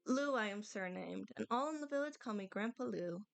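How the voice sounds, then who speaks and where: A woman's voice: medium pitch, lively intonation, brisk, gravelly, dry recording. A woman voicing a very old, apologetic village tea farmer in formal, courteous, old-fashioned phrasing, reading video game dialogue. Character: polite, apologetic elderly village tea farmer, Grandpa Liu.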